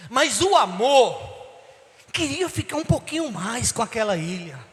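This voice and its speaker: Man, bishop, impassioned sermon, very high voice. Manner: impassioned, swings between loud and soft. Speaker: bishop, preacher. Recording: long church hall reverb.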